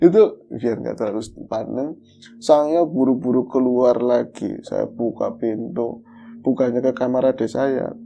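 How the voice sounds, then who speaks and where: A man tells a true ghost story in relaxed chat. His voice is very dark and mellow, with gravelly fry underneath. He lets the scary parts come alive, and faint music plays behind him. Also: mid-range voice, measured pace. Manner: animated, acts out his own calls and growls. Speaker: guest storyteller. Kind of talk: telling a true horror story in casual chat.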